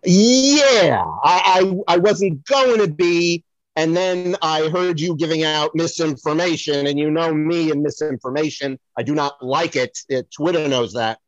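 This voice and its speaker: A podcast co-host and showrunner takes part in a comedic skit, hesitant and needling in manner. His voice is fairly high and unhurried, captured on a dull, dry microphone with no room sound.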